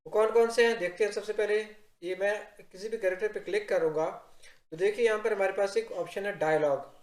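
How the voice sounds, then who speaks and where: A man's voice: sits high, fairly quick. Man narrating a tutorial in a roomy echo. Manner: explains step by step, addressing viewers directly. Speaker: software tutorial instructor. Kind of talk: instructional screen-recording narration. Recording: roomy, echoing voice-over.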